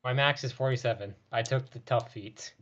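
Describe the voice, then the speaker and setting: A man's voice: mid-range voice, moderate pace, fairly bright tone, highs cut off, a little hiss or hum. A man playing a tabletop role-playing game, talking casually through his moves. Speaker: player in a tabletop RPG.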